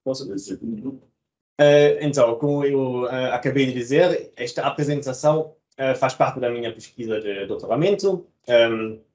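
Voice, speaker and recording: In a muffled recording, a guest researcher from Germany presents academic work in a German accent, pausing hesitantly and filling gaps with "ehm." He speaks at a moderate pace in a medium-pitched, slightly mellow voice.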